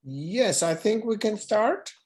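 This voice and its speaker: A moderator opening an online conference session over a video call. The delivery is halting and full of restarts, with the odd phrase from another language slipped in. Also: medium pitch, animated, darkish tone.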